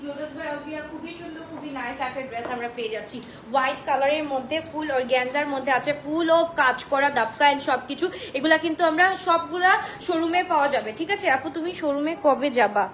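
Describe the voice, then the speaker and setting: Fast, high-voiced woman selling dresses live. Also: echoey room, a little hiss or hum, low-quality recording. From Bangladesh. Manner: chatty, mixes English into Bengali, addresses viewers as apu; talks loudly on purpose. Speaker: online dress seller. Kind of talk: live-stream sales pitch, reading viewer comments. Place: indoors, home.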